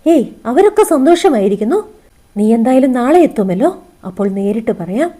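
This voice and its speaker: A woman's voice: fairly high pitch, big pitch swings, a little fast, mellow. A woman reading the part of a worried grown man and father, speaking anxiously and pleadingly.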